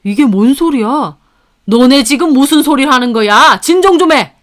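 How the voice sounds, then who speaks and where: A woman voicing an older father-in-law who shouts in bewilderment at a family quarrel. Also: high-pitched, expressive, moderate pace, voice pushed up. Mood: alarmed.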